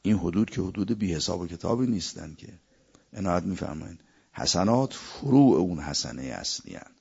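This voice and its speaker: A man's voice: low voice, very animated, creaky, a little mellow, husky, lo-fi sound. A man preaching a sermon, quoting verses in Arabic and telling anecdotes. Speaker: cleric.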